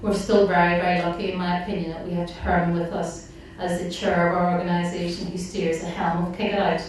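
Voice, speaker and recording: A woman's voice: lowish voice, level tone, fairly quick, slight background noise. A woman giving an earnest speech at an event, for the campaign organisation she works for, with some filler ums. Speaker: staff member at a campaign organisation. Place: event hall. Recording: echoey hall, mic at a distance.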